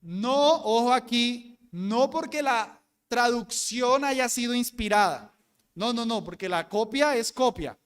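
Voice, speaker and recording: A man teaching a church Bible class in an animated way, stressing points by repeating words and often correcting himself mid-sentence. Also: very high-pitched, slow, clear, resonant tone. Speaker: deacon teaching Bible school.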